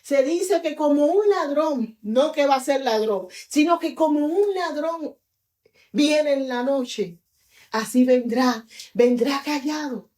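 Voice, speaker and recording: A woman's voice: high-pitched, takes it slowly, dark tone. A woman preacher delivering a fervent sermon, telling stories and calling on her listeners to seek their miracle. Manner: fervent, storytelling preacher voicing scenes.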